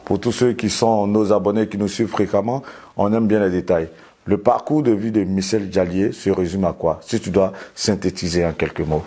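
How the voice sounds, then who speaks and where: Male interviewer with a husky, lowish voice who presses for details in a relaxed chat. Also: normal speed. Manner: probing, addresses the guest informally with follow-up questions. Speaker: interviewer for an online celebrity news channel. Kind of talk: casual conversational interview. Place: guest's home.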